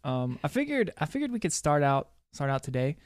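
Smooth-voiced easygoing male podcast host. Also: a little high, big pitch swings, brisk, no echo, clean studio sound. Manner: easygoing, teasing, with many ums and restarts. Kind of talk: casual interview.

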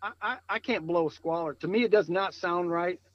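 A man's voice: sits high, brisk, no echo, highs cut off. A man from Michigan talking casually about hunting gear, rambling and repeating words, laughing often. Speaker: podcast guest, coon hunter. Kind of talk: casual chat.

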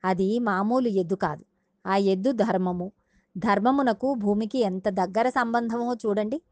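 A woman's voice: mid-range voice, no echo. A woman giving a devotional discourse, retelling a sacred story and explaining its meaning earnestly, speaking directly to her listeners.

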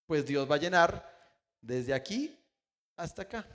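A man preaching a sermon as pastor, retelling stories and acting out the dialogue in lively voices. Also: a little high, a little slow. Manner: animated storytelling with acted-out dialogue.

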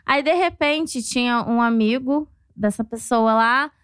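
A Brazilian woman co-hosting a podcast in casual chat, talking in rambling asides and quick to laugh. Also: a little high, a bit bright, clear, resonant tone, no room sound, studio quality. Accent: Brazilian Portuguese. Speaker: podcast co-host.

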